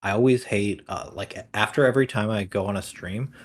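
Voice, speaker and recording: Worn out from talking all day, a man with a slight lisp chats as a guest on a live stream. His voice is on the low side and a little fast, and he casually swears and jokes at his own expense.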